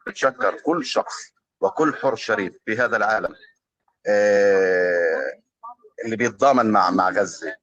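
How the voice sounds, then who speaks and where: A man with a Palestinian Arabic accent giving earnest, formal-leaning testimony, pausing often as he speaks. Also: fairly low pitch, fairly bright tone. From Gaza, Palestine. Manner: hesitant, pausing often with fillers. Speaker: journalist being interviewed.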